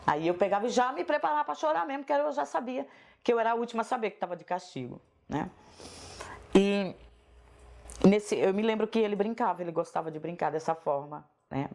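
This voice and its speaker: A woman writer with a Northeastern Brazilian accent, reminiscing in a soft, unhurried way and often tagging her phrases with a questioning "né?". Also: medium pitch, expressive, creaky. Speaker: writer interviewed in a documentary. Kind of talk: reflective personal reminiscence.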